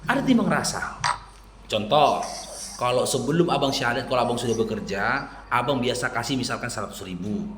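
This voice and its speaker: A Medan-accented male preacher talks straight to a listener and acts out bits of dialogue as he tells his stories. His pitch rises and falls in wide swings. The voice rings in an echoey room over a faint hiss. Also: brisk. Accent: Medan Indonesian. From Medan, North Sumatra. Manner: lively storyteller who acts out quoted dialogue. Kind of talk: persuasive religious talk to a listener.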